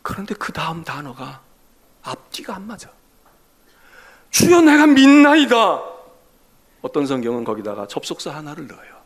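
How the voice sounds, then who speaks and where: A man, a senior pastor, preaching a sermon dramatically, acting out quoted voices and swinging between loud exclamations and whispers. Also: mid-range voice, very animated, fairly quick, slightly rough.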